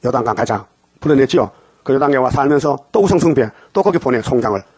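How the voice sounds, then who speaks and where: A man's voice: mid-range voice, expressive, quick pace, darkish tone, breathy edge, no echo. An older man preaching a dawn sermon, firing questions at the congregation and answering them himself. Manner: call-and-response questions to the congregation.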